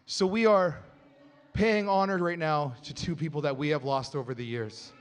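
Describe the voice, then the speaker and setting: A man with a slightly high voice stands at a stage microphone, introducing each dance in an earnest, explanatory way and pausing between phrases. His words ring out with the long reverb of a large festival venue. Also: smooth, faint music behind. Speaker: dance group leader. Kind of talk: emcee announcing dances on stage.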